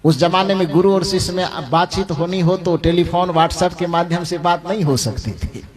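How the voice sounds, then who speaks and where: A male preacher giving a devotional discourse. He poses rhetorical questions, answers them himself, slows down to stress names, and chuckles often while speaking. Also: high voice, a crowd in the background. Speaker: religious preacher.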